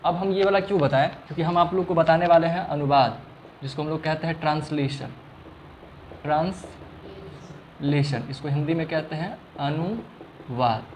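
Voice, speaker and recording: A male teacher gives a grammar lesson in class, repeating his question again and again and drawing out sounds for demonstration, with frequent checks that students understand. His voice is on the high side and a little fast. There's a little hiss or hum in the audio.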